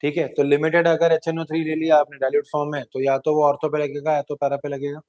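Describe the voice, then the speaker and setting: A man's voice: fairly high pitch, little pitch movement, fast talker, a little mellow, no echo. Brief: Indian male chemistry teacher, slightly raised voice, explanatory revision lecture, dry close sound. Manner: explanatory, mixing Hindi and English terms, frequent "theek hai" check-ins.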